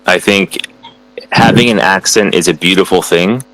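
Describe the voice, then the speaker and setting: An American guest speaker answers students' questions in a casual online chat, hesitant and full of fillers and restarts. His low voice moves at a moderate pace with a fairly bright tone, and the recording is rough but has no echo.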